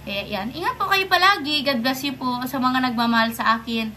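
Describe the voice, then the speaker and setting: A woman's voice: high-pitched, brisk, pushed and bright, slight background noise. A young woman from the Philippines, vlogging straight to camera, firing off indignant rhetorical questions while staying polite and defiant. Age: young adult. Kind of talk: direct-to-camera rant.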